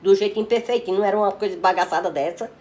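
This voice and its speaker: A woman with a Northeastern Brazilian accent rattles off furious, crude scolding at a breakneck pace. Her outbursts jump from shouts to muttered insults in this home comedy sketch. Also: medium pitch, racing. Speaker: comic mother character.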